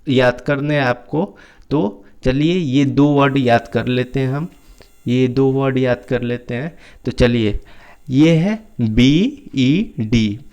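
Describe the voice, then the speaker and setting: A man's voice: mid-range voice, darkish tone. A man teaching a recorded lesson, who spells words letter by letter and keeps asking and answering his own questions. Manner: slow, repetitive call-and-response questioning, spelling letter by letter. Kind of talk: recorded lesson over slides.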